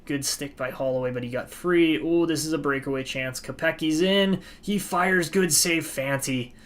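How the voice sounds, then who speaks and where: A man streaming a hockey video game live, giving rapid play-by-play and yelling at missed chances, then dropping to frustrated muttering. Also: on the high side. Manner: excitable, shouting at plays, then mutters in frustration. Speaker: gaming streamer.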